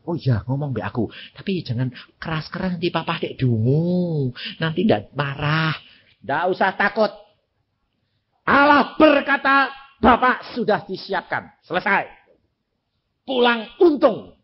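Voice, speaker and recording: Older Indonesian evangelist preaching with swings. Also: male voice, very animated, measured pace, breathy edge. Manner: dramatic swings in pitch and loudness, acts out dialogue. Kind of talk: sermon with storytelling. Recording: dull lo-fi recording.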